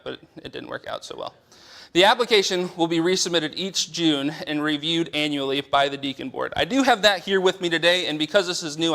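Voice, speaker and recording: Male presenter for a church training session, reading policy and adding casual explanations; bright, somewhat high voice. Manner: reads policy text, then explains it in casual asides. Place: church meeting room.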